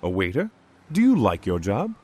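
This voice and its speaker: A man's voice: on the low side, wildly swooping pitch, normal speed, darkish tone, dry recording. A man voicing a curious interviewer who questions a street musician, in a scripted lesson dialogue.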